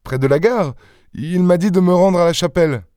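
A deferential chauffeur who answers in a plain, matter-of-fact way, as a male reader puts him on. His voice is pitched higher than an everyday tone and sounds smooth and clear. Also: moderate pace, darkish tone, dry recording, clean studio sound, natural voice. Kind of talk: audiobook character voice.

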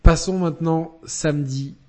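A man hosting a casual gaming podcast, animated and joking, with quick asides. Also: on the high side. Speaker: podcast host.

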